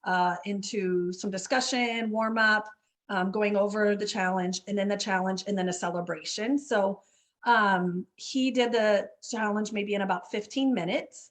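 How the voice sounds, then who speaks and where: A woman's voice: mid-range voice, moderate pace. A woman run club coach telling a story in a casual interview, chatty, full of fillers and "you know what I mean".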